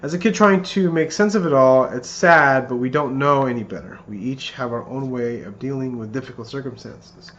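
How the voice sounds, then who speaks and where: A man in his thirties rehearsing a best man's wedding speech in an earnest, somewhat halting way, often repeating phrases. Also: medium pitch, fairly bright tone. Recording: muffled lo-fi, clear background noise.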